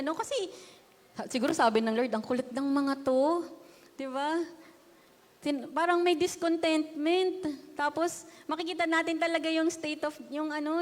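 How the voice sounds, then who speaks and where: A woman preaching a sermon in a conversational way, mixing Tagalog with English and asking her listeners many rhetorical questions. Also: high voice. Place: church hall. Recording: long reverb of a church hall.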